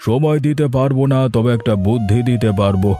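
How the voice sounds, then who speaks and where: A man's voice: mid-range voice, brisk, music in the background, lightly acted. A man voicing a greedy village moneylender in a cartoon, demanding his money back sternly.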